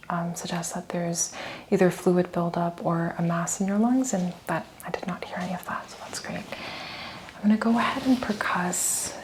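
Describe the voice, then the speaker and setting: A woman speaks in a soft, lowish whisper, guiding a patient through an exam one calm step at a time. Her instructions are gentle and unhurried. Behind her voice runs a clear, steady hiss. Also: poor audio. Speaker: clinician giving a physical exam. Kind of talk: ASMR medical exam roleplay.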